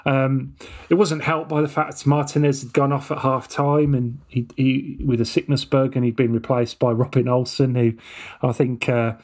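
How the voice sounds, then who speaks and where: A man's voice: medium pitch, level tone, normal speed, a little mellow. A man hosting a football podcast in a casual, conversational style. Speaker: podcast host.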